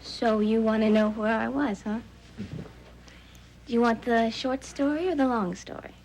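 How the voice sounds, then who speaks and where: Young stage actress, playful storyteller, soap drama. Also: female voice, fairly high pitch, fairly even intonation, a little slow, creaky, a little mellow, slight background noise, rough recording. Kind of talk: 1980s daytime soap acting.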